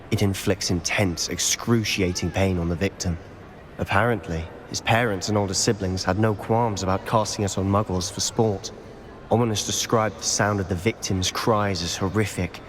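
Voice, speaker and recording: Man as secretive teenage wizard, hushed emphatic delivery, slightly low pitch, video game dialogue, noisy background. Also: close to an everyday voice. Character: determined, secretive teenage wizard schoolboy confiding in a friend. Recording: long reverb, noisy background.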